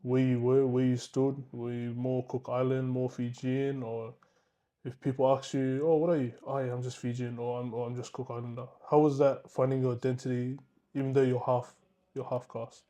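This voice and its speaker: A man's voice: mid-range voice, little pitch movement, normal speed, mellow. Rambling young male podcast host. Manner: rambling, filler-heavy questions. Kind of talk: casual podcast hosting.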